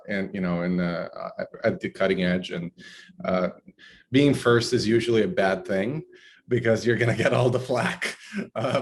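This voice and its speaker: A middle-aged man from Italy with an Italian accent, a podcast guest talking haltingly with many fillers and restarts. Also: sits low. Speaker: guest, climate researcher. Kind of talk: podcast interview.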